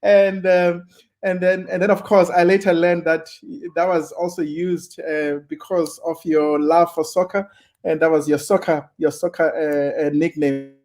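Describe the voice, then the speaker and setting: A man's voice: fairly high pitch, level tone, moderate pace, darkish tone. A man hosting an interview, stumbling over repeated words as he builds up to his questions. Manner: hesitant, stammering repeated words before questions. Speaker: interviewer host. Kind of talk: casual interview.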